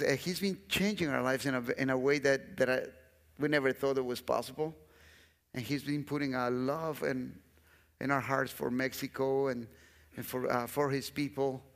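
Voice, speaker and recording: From a big church stage, this middle-aged guest pastor from Guatemala delivers a heartfelt sermon in a Guatemalan Spanish accent, repeating lines to drive them home. He has a medium-pitched, slightly bright voice. The sound carries a long church-hall reverb.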